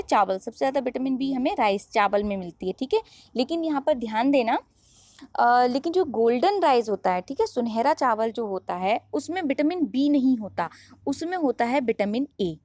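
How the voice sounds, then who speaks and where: Lady teaching bio, quizzes herself, highish voice, dry close sound. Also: lively intonation, normal speed, a little mellow, dry recording. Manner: repeats questions and answers them herself, drills terms. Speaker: biology teacher. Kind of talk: online lesson.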